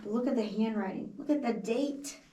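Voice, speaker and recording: A woman's voice: on the high side, fairly quick, warm tone. A woman guiding a cave tour, her voice echoing off the rock and picked up from a distance over some noise. She is from Texas and talks in an enthusiastic, folksy way, casual and informal as she points things out. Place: inside a cavern, echoing.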